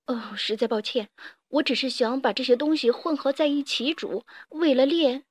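A woman's voice: sits high, normal speed, no echo, studio quality. A woman voicing an earnest, apologetic young boy in a storybook reading.

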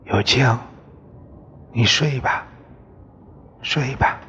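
A man voicing a tired, gentle rural wife in a soft, hushed way. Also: medium pitch, animated, measured pace, dull audio, slight background noise, natural voice.

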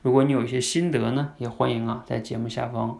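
A man's voice: mid-range voice, flat delivery, fast, creaky, a little mellow. A man hosting a podcast lesson in a chatty, conversational way, often asking listeners questions. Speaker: podcast host. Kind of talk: casual spoken lesson.

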